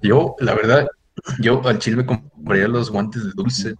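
A man's voice: fairly low pitch, steady tone, unhurried, a crowd in the background. A man with a Mexican accent hosting a casual group chat, crude, slangy and bossy with his friends. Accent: Mexican Spanish. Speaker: host.

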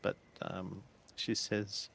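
A man's voice: fairly low pitch, completely flat delivery, slow pace, gravelly, fairly bright tone, breathy edge. A man narrating a tabletop game as game master, describing scenes hesitantly with many fillers.

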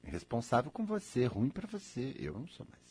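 A man giving self-help advice in a lively, conversational way, acting out little imagined exchanges. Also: medium pitch, slightly rough, no room sound. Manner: animated, acts out imagined people in quick asides.

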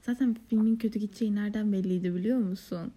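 A woman's voice: medium pitch, fairly even intonation, quick pace, dark tone, husky. A young woman co-hosting a podcast in casual chat, telling stories playfully and teasing. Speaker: podcast co-host.

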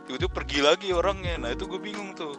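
A man's voice: sits high, fast talker, music in the background. Rambling, slangy young man. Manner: slangy, rambling, laughs through his story. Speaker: guest storyteller. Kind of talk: casual chat.

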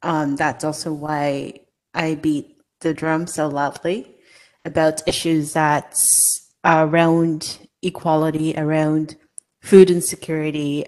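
A woman's voice: deep voice, level tone, slow, a little mellow. A woman from Hong Kong, a co-author sharing a personal story in an earnest, conversational way. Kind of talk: casual conversation.

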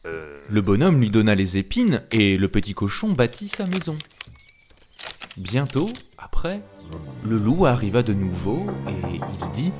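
A man reading a children's fairy tale aloud, slow and expressive. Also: fairly low pitch, soft background music. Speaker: storyteller.

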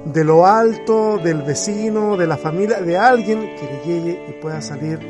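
A male podcast host with a notably high voice opens his show in a reflective, encouraging way. Soft guitar music plays faintly behind him as he welcomes and questions a guest. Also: moderate pace. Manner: reflective, encouraging, tells a Bible story. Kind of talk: warm interview podcast.

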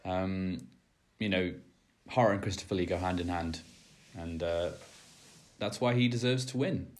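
A man with a fairly low voice makes his case in a friendly debate. He speaks earnestly, stumbling and hesitating now and then. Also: moderate pace. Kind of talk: casual debate podcast.

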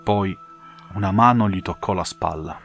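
A man narrating a fantasy audiobook in a measured, dramatic storytelling manner. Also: deep voice, vocal fry, a bit bright, faint music behind.

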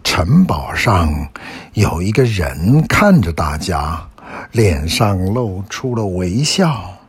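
A man tells a bedtime story to a child, slowly and gently, stopping to ask questions. His voice is husky, with lively rises and falls, recorded close in a dry room. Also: sits low, no echo.

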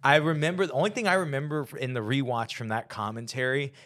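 A man's voice: mid-range voice, fast, fairly bright tone. Joking, laughing man hosting a podcast. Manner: joking, teasing, laughs often. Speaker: podcast host. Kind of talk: casual chat.

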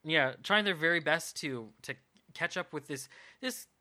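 A man's voice: on the high side, normal speed, pushed and bright. A man narrating a tabletop game as game master, rambling with lots of ums and uhs.

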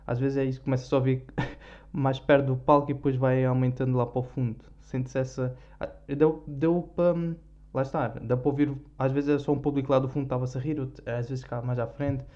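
A young man with a European Portuguese accent tells a story in casual podcast chat, rambling and self-mocking, stopping often for fillers. His voice is mellow and soft-edged. The recording sounds dull and lo-fi. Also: mid-range voice, flat delivery, fast talker. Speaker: podcast host.

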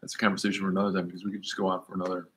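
A fairly low-voiced man hosting a live online show. He chats in a relaxed, easygoing way, full of small fillers and restarts, with a faint hiss of noise in the background. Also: rapid-fire. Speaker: host of an online talk show. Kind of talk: casual chat.

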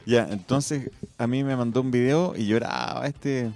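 A man's voice: medium pitch, fairly even intonation, a little slow, darkish tone, faint music behind. A man in casual chat, teasing his friend with jokey interjections.

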